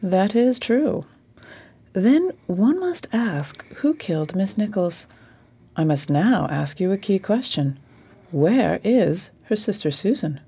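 A woman playing a brisk, authoritative lady detective in a radio play, speaking with precision. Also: medium pitch, big pitch swings, dark tone, slightly rough, exaggerated voice. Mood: brisk, commanding. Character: brisk, commanding lady detective leading her assistant.

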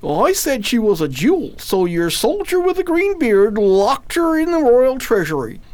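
A woman's voice: on the high side, sing-song, moderate pace, a little mellow, dry recording. A woman playing a naive, polite pumpkin-headed man in an audio drama. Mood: naive, friendly. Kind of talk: theatrical audio drama acting.

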